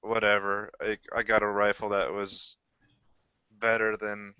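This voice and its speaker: Man with a bright, crisp voice. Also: fairly low pitch, flat delivery, measured pace, no echo, lo-fi sound. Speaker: podcast panelist. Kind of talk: casual chat.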